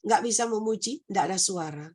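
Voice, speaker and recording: A hoarse woman preacher with a nasal voice, giving an impassioned, repetitive sermon over a video call. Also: mid-range voice, brisk. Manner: impassioned, repetitive, rising to near-shouting.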